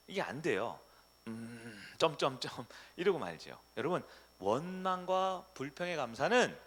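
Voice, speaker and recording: A man's voice: high-pitched, fairly bright tone. A man preaching a sermon as pastor at a prayer meeting, asking the congregation questions and answering them himself.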